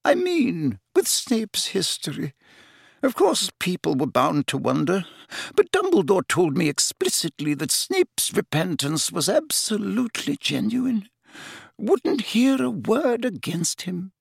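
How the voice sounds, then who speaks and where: A man's voice: high-pitched, big pitch swings, unhurried, vocal fry, husky, dry recording, clean studio sound, pitched above the performer's own voice, exaggerated voice. A man voicing an older, stern woman professor in an audiobook, shocked and tearful, with a faint, wavering, distracted manner. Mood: tearful muttering.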